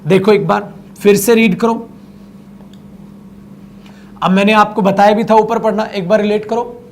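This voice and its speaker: A man's voice: high voice, steady tone, a little mellow, slight background noise. Male teacher coaxing his students. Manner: coaxing, repeats words, calls students "my child" and "my brother"; slows right down when speaking English phrases. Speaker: English teacher. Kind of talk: online vocabulary lesson.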